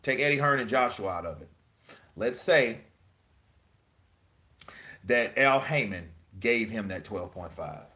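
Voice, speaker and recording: A man's voice: medium pitch, animated, a little slow, pauses often, sharp tone. A man hosting casual boxing commentary, emphatic and profane, firing off rhetorical questions. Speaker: boxing news host.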